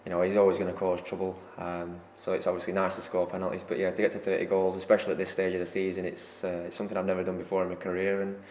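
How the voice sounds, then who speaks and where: Deep, flat-voiced footballer in an echoey room. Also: male voice, a little hiss or hum. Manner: halting, repeats words. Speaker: footballer being interviewed. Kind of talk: interview answers. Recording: echoey with faint ambience.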